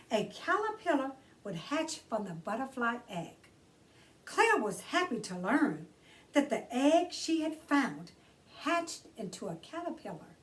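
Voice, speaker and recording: A woman with a high voice hosts a children's storytime, reading a storybook aloud expressively and speaking theatrically to the young listeners. The mic is placed at a distance.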